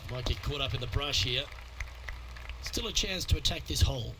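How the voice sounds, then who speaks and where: A man working as the lead golf commentator in a sports video game, calling play in a measured, composed broadcast style. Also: medium pitch, noisy background, lightly acted. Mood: composed, approving.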